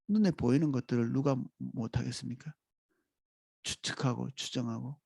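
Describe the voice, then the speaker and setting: A man preaching a dawn sermon as pastor, in a calm, reflective way with pauses. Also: medium pitch, vocal fry, husky, no room sound.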